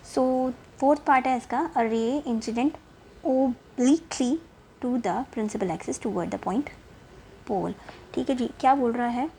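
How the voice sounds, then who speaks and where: A woman teacher talks in a fairly high, mellow voice. She reads passages slowly and then explains them in an easy, chatty way, checking in with her listeners again and again. A faint hiss runs under the recording. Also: creaky. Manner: mixes English textbook reading with chatty explanation, often asking "ठीक है?". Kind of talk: casual lesson.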